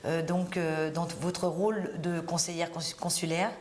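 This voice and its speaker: A woman's voice: on the low side, little pitch movement, a little slow, a little mellow. A woman interviewer asking questions, often with fillers and restarts.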